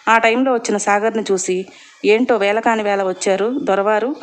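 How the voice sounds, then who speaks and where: A woman's voice: mid-range voice, fairly even intonation, normal speed. A woman reading a family drama story aloud as narrator, speaking every character's lines in her own voice. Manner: voices all family characters herself with little change. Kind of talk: scripted story narration with dialogue.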